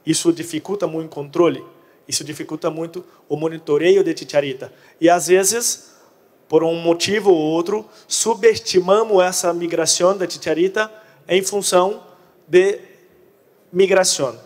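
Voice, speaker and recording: A man's voice: high-pitched, fairly even intonation, normal speed, a little mellow. A Brazilian man, a native Portuguese speaker, giving a presentation in portunhol, a mix of Portuguese and Spanish. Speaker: conference speaker on crop pest control. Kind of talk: presentation to an audience. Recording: echoey hall with long reverb.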